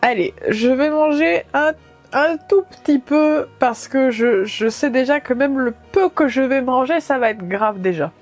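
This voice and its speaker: A woman's voice: high-pitched, a little slow, faint music behind. A woman talking casually to camera as a vlogger, with a wry, playfully dramatic way of speaking. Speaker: vlogger doing a food challenge.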